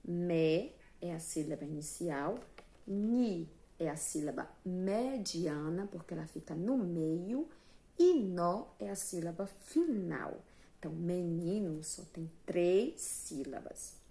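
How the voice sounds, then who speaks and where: A Brazilian primary school teacher with a lowish, mellow voice leads a slow, sing-song online class for young children. She sounds animated yet takes her time, explaining patiently and spelling out words one syllable at a time in Brazilian Portuguese.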